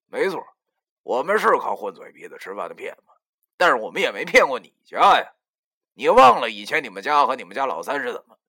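A man voicing an older swindler who talks in a loud, mocking, cursing way. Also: mid-range voice, very animated, fairly quick, pitched above the performer's own voice, heavily acted. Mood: sneering, angry. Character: older swindler, sneering and scornful.

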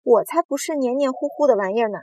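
A woman voicing a grumpy, indignant male earthworm in a storybook reading, complaining in a shrill voice. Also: lively intonation, normal speed, a little mellow, husky, no echo.

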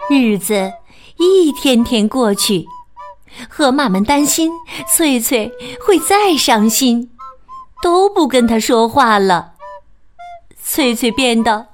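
Woman storyteller for kids' picture books; high, lively voice, slow and sing-song, soft music behind. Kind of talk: children's story reading.

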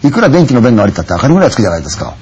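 A man tells a ghost story in a husky, rasping voice at a very fast clip. His pitch swings widely as he punctuates the tale with vivid sound effects and snatches of acted voices. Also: sing-song, a little mellow, dull audio. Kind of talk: dramatic ghost story telling.

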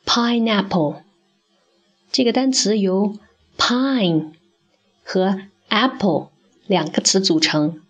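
In a scripted phonics lesson, a woman teaches English pronunciation, speaking slowly and carefully while modeling sounds for the listener to repeat. Her voice is mid-range and husky, and the recording sounds lo-fi.

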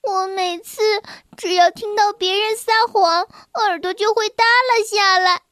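A woman's voice: extremely high pitch, a little slow, fairly bright tone, no echo, clean studio sound. A woman doing a fretful little rabbit boy. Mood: alarmed. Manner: anxious, earnest. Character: gentle, fretful young male rabbit. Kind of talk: storybook reading.

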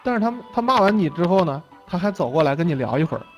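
A young man with a fairly high voice tells stories in a relaxed lecture. He is chatty, laughs easily and tags his lines with quick "OK"s. Faint music plays softly behind him. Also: poor audio. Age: young adult. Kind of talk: casual storytelling lecture.

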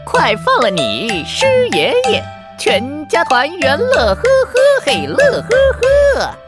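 A woman's voice: on the high side, huge pitch swings, normal speed. Woman doing a cheeky chuckling monkey king. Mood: teasing singsong. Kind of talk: children's storytelling. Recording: clear music behind.

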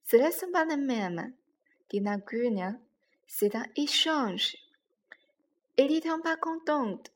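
A woman reading a children's story aloud, slowly and carefully, with gentle pauses. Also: fairly high pitch. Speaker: reader. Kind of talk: slow read-aloud storytelling.

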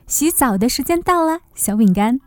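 A woman's voice: high voice, expressive, normal speed, no echo, faint music behind, voice pushed up. A woman voicing a young owner calling playfully to a naughty puppy, sing-song, as when reading a storybook to a toddler. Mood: coaxing.

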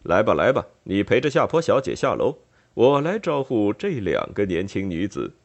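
A jovial older merchant father from a storybook, as a man puts him on, hearty and teasing. He sounds fairly loud and pleased with his own jokes. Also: fairly low pitch, sing-song, moderate pace, creaky, exaggerated voice. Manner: hearty, joking.

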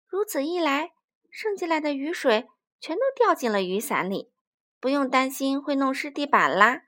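A woman narrating a children's story in a gentle, expressive way. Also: high voice, moderate pace.

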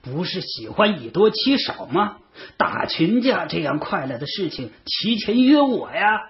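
A man voicing a hot-tempered teenage brawler who shouts crudely, in a storybook reading. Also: high-pitched, big pitch swings, measured pace, voice pushed up, heavily acted. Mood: taunting. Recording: dull lo-fi audio.

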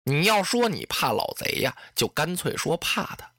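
Weeping young beauty done by a storyteller, bright voice, lively pitch, pleading and reproachful. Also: no echo, studio quality. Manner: tearful, pleading, drawn-out. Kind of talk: traditional storytelling.

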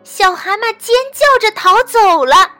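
Woman telling a children's bedtime story, very high and animated, slow, faint music behind. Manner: gentle, expressive reading to children.

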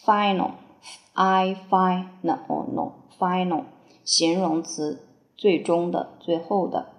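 A woman with a slightly low voice runs a vocabulary drill at a very slow, deliberate pace. She repeats each word several times before giving its part of speech and meaning. The room around her sounds echoey. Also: steady tone. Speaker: English vocabulary teacher. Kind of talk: word-by-word spelling and dictation drill.

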